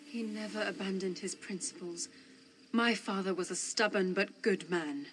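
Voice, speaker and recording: An actress playing an anxious, grieving daughter in a fantasy game, pleading and sorrowful. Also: female voice, mid-range voice, moderate pace, a little hiss or hum, lightly acted, rough recording. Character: anxious, grieving daughter of a stubborn good man.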